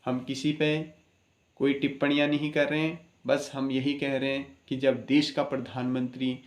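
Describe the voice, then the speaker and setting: A man's voice: medium pitch, flat delivery, normal speed, echoey room. A man, an astrologer, giving an impassioned spoken address, earnest and preaching, with many rhetorical questions.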